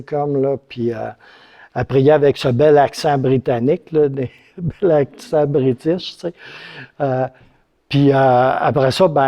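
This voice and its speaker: A man's voice: on the high side, mellow. A man with a Quebec French accent preaching a sermon, telling a personal story in a casual, rambling way with many fillers. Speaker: pastor.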